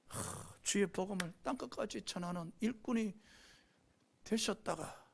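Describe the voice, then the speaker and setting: A pastor delivers a passionate sermon, regularly nudging the congregation with a questioning "eh?". He is unhurried, medium in pitch, with vocal fry and a somewhat dark tone.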